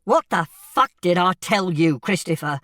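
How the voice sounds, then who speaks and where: A narrator acts out an angry, exasperated dad in an audiobook. His delivery is menacing and very animated, veering from ominously quiet to loud. The sound is dry, with the voice a little back from the mic. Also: medium pitch, a little slow, dry recording, recorded from a distance. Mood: furious, menacing. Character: angry, exasperated working-class father, swearing and menacing.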